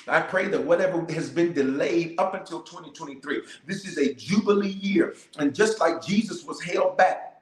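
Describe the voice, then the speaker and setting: A bishop leads a livestreamed prayer, making fervent, repetitive declarations and calling out to viewers, with cameras set up in front of him. His voice is fairly high, and the audio is poor with a roomy sound.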